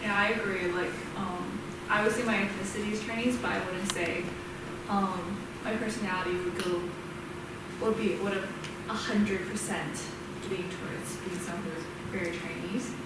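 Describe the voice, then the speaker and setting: A woman's voice: medium pitch, fairly even intonation, normal speed. Chatty young woman in an echoey room. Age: young adult. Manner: chatty, hesitant with fillers. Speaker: student participant. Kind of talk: casual group discussion. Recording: echoey room, distant mic, background noise.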